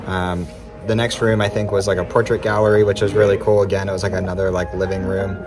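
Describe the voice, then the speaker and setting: A man's voice: low-pitched, quick pace. Chatty man vlogging with music behind. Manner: chatty, many ums, relaxed recounting. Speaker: travel vlogger. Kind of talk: casual travel vlog recap. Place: inside an ornate palace room, later outdoors in snow. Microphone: phone held at arm's length, selfie framing.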